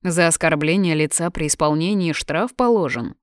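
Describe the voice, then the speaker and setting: Brief: woman reader doing cocky young male student, teasing, lower-ish voice. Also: moderate pace, no echo, studio quality, close to an everyday voice. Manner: teasing, playful.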